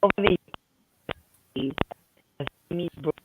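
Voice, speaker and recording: A woman's voice: fairly low pitch, measured pace, background noise. A South African woman reading a book blurb aloud over a call whose audio keeps jumping, so her volume rises and drops unevenly. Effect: choppy audio with uneven, dropping volume. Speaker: booktuber on a live reading sprint. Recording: tinny, dry phone-like line.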